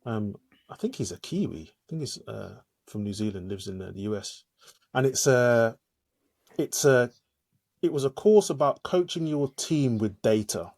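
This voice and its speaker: A man's voice: medium pitch, lively intonation, normal speed, gravelly, a little mellow. A man co-hosting a podcast, talking casually and thoughtfully with hesitant restarts. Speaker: podcast co-host. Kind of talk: casual chat.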